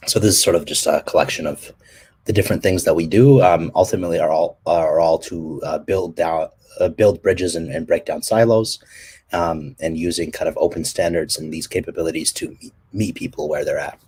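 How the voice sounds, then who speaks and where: Deep husky guy explaining tech stuff, lots of ums, keeps restarting. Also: fairly even intonation, darkish tone. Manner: halting, many ums and restarts, coughs between phrases. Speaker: company presenter. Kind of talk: technical presentation and Q&A.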